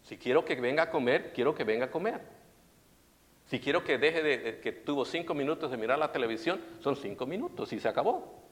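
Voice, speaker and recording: A man delivers a sermon with lively, questioning energy, turning to his listeners again and again. His voice sits at an ordinary middle pitch. A long reverb from a large hall trails behind every phrase. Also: a little fast. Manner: animated, asks audience questions. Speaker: preacher.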